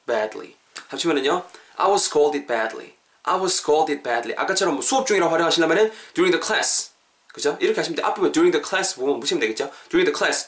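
Lively English-teacher host. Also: male voice, on the high side. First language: Korean. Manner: lively, drills English phrases slowly, repeats words. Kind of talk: casual podcast lesson.

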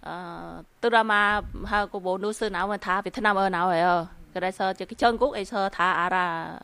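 A woman from Vietnam, a guest on a radio chat, speaking in simple halting sentences with restarts. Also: medium pitch, fairly even intonation, bright, forceful tone, clear, resonant tone.

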